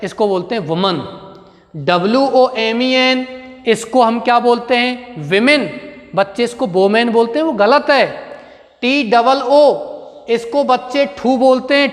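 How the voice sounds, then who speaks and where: High-voiced man teaching slowly in a reverberant room. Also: fairly bright tone. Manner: asks and answers his own questions, dictates slowly. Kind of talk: classroom grammar lesson.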